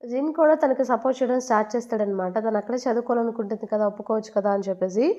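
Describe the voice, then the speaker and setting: A woman's voice: fairly high pitch, rapid-fire, warm tone, muffled recording. A woman narrating a drama recap in a chatty, casual way, paraphrasing the characters' lines in her own voice.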